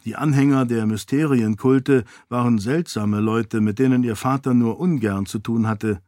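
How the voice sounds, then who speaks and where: A man reading German fantasy fiction aloud as an audiobook narrator, in an even, measured storytelling manner. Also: mid-range voice, no echo, studio quality.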